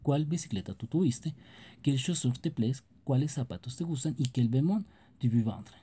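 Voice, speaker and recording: Dark husky man teaching French grammar. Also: medium pitch, lively intonation. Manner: explains in Spanish, reads French examples slowly. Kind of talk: scripted grammar lesson narration.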